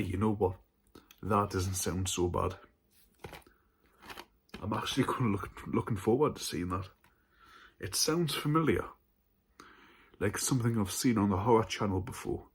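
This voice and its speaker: A man's voice: lowish voice, moderate pace, pauses often, a little hiss or hum. A man hosting a casual haul vlog about horror films, chatty and stumbling over his words at times. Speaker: horror film channel host.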